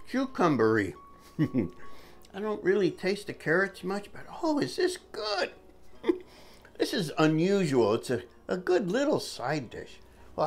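Older man, unhurried cooking chat, lively pitch, home kitchen, faint music behind. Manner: chatty, enthusiastic, chuckling. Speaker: cooking video host. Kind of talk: casual cooking demonstration.

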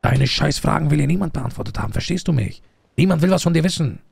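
A man with a heavily gravelly, fairly high voice plays a gang boss in street roleplay, lashing out with Spanish slang. His pitch leaps around animatedly and the sound is dry and close. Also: animated, quick pace, darkish tone, no room sound. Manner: domineering, berating, peppered with Spanish slang.

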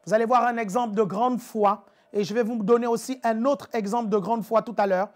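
Woman preacher on a livestream sermon, kinda high voice, chatty and animated, keeps laughing and calling out to viewers. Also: brisk. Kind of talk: live-streamed teaching sermon.

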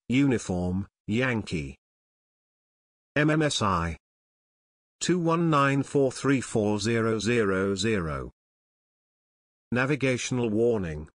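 A man broadcasts a marine radio safety call in loud, measured radio procedure, repeating each phrase three times. His pitch swings widely between phrases, and his delivery is slow and deliberate. The sound is dry and close. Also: no room sound. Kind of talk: radio procedure call, spelled-out call sign and numbers.

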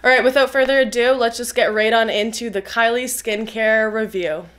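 Her pitch sits fairly high, with a steady tone, normal pace and a slight brightness. She's a young biochemist YouTuber with a cold-clogged, nasal voice, casually explaining a skincare product on video and saying "um" a lot.

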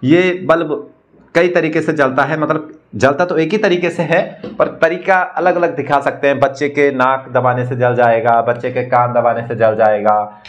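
A man who is a magician, briskly showing and explaining magic props one after another in a casual demo. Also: mid-range voice, steady tone. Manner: brisk, talking props through each trick. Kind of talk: casual product demonstration.

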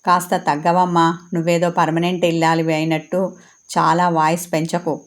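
Woman voicing a sarcastic, taunting young female rival in a storybook; low-set voice, narrow in pitch. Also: flat delivery, moderate pace, lightly acted.

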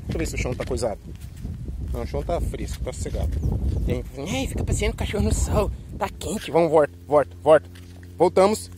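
A man's voice: on the high side, lively intonation, brisk, background noise. A man with a Brazilian Portuguese accent, walking his dogs outdoors and talking to them in a chatty, coaxing way. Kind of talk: casual talk to pets on a walk. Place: outdoors on a street walk.

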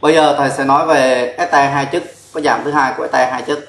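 A man's voice: mid-range voice, fairly even intonation, quick pace, a bit bright. A man teaching a chemistry lesson at a board, explaining step by step and spelling out formulas letter by letter. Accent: Vietnamese. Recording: echoey classroom sound.

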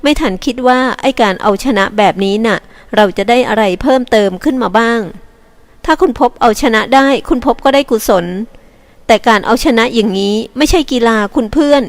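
A woman voicing a despairing young woman who pleads in a soft, sad, halting way, as an audiobook reading. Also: a little high, natural voice. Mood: sorrowful.

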